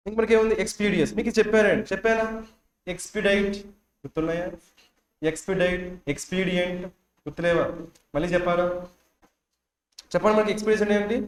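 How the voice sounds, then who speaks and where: Man, teacher, fast vocabulary drills, quizzing students, echoey classroom. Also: sits high, steady tone. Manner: drills words with constant questions to students.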